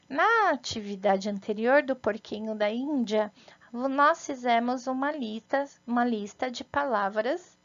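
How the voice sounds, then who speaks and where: A woman's voice: fairly high pitch, muffled recording. A Brazilian woman, a first-grade teacher, gives a recorded lesson to young children in a patient, sing-song way, often checking in with "né?" and "tá?". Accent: Brazilian Portuguese.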